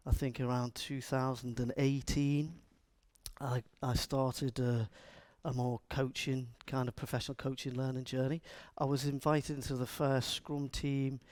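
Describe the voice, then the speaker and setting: A middle-aged Scouser from Liverpool, England, with a medium-pitched, slightly mellow voice and no echo, gives a live conference talk. The agile coach is chatty and jokey, putting questions to the room.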